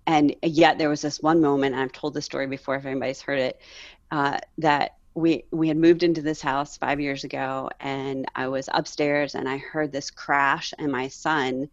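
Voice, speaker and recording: A woman's voice: rumbling low, little pitch movement, normal speed, dry recording. A woman in her forties, a mother and guest, telling her faith story earnestly and with emotion. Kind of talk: candid faith interview. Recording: slightly dull, dry sound.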